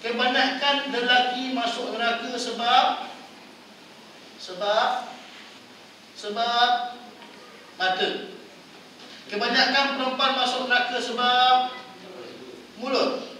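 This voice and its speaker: Malaysian Malay preacher, high-pitched and playful, recorded from afar in a noisy, echoing hall. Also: male voice, fairly even intonation, slow, pauses often, sharp tone. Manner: playful, quizzes audience, acts out wives' voices. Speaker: religious lecturer. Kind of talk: lively mosque lecture. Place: mosque prayer hall. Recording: echoey hall, distant mic, noisy.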